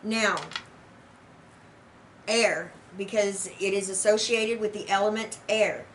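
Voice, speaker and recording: A woman teaches tarot in a loose, chatty online lesson. She talks at a mid pitch and keeps checking in with "okay?" after her points. A faint hiss of background noise sits under her voice. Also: fairly even intonation, slow pace, fairly bright tone, poor audio. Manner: talkative, says "okay" after most sentences.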